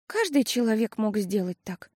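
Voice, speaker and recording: A woman's voice: on the high side, sing-song, moderate pace, darkish tone, breathy edge, no room sound, clean studio sound. A woman reading an audiobook, voicing a blunt, candid older sister. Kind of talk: audiobook character voice.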